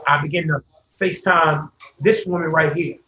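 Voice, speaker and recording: Male American host, slightly high voice, informal live delivery, roomy sound with some noise. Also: fairly even intonation, normal speed, pushed and bright, muffled recording. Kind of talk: casual live discussion hosting. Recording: echoey live stream with background noise.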